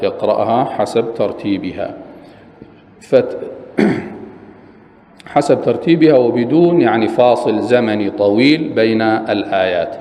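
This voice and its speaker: A man teaching religious rules in a steady, explanatory way, repeating key terms and quickly reciting examples. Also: fairly low pitch, big-room sound, dull audio. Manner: plain, steady explanatory delivery with frequent clarifications. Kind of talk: explaining prayer rules in a lesson.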